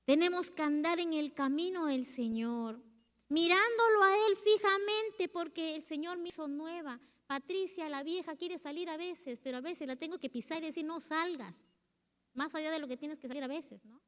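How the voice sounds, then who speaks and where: Woman pastor, middle-aged, high voice, heartfelt confessional sermon, long church reverb. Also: normal speed, fairly bright tone. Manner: emotional, confessional preaching with quoted prayers. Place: church sanctuary.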